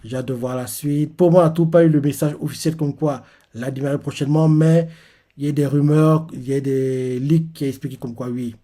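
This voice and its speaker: A man's voice: a little high, fairly even intonation, a little fast, dark tone. A man casually retelling manga chapters and reacting to them, talking in loose rambles full of fillers.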